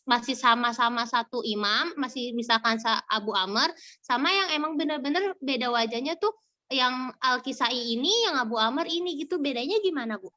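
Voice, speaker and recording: A woman's voice: sits high, bright, forceful tone, muffled recording. A young woman student asking a question in an online class, hesitant with many fillers and restarts.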